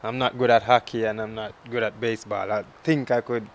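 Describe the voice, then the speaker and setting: A man's voice: lowish voice, level tone, fairly quick, slight background noise. A young man from Jamaica, a soccer player, giving brief, plain answers in an interview on an outdoor field. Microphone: handheld mic held by interviewer.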